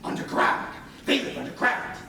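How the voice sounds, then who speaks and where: A man's voice: moderate pace, pushed and bright. A man playing Captain Hook, menacing pirate captain. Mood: scheming. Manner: threatening, commanding, sardonic. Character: menacing one-handed pirate captain, male adult, ruthless. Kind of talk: stage play acting. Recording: echoey stage recorded from far off, with noise.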